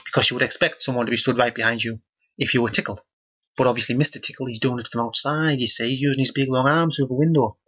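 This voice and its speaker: A man's voice: mid-range voice, fairly even intonation, quick pace, sharp tone, breathy edge, lo-fi sound. A man reading a children's book aloud, breaking off for sardonic, mock-outraged comic asides.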